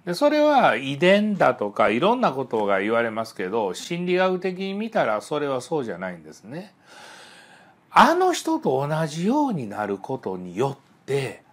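A man giving a psychology lecture, telling stories in an animated way and voicing the people in them. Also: medium pitch, moderate pace. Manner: animated storytelling, voices the people in his stories. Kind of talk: spoken lecture with acted-out dialogues.

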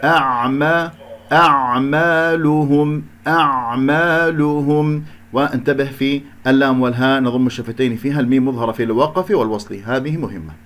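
Teaching Quran recitation in an Iraqi accent, a man with a mid-range voice goes through every letter and rule one by one. He stretches his chanted examples out slowly.

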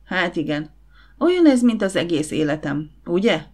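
A woman's voice: lowish voice, sing-song, a little mellow. A woman voicing a tired, bitter young man, a struggling actor, in an audiobook. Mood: weary. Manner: tired, resigned.

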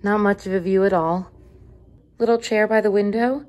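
A woman's voice: medium pitch, fairly even intonation, normal speed, a little mellow. A young woman in her twenties vlogging casually from a small hotel room, talking into a phone held at arm's length, upbeat and chatty with lots of "like". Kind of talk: casual travel vlog.

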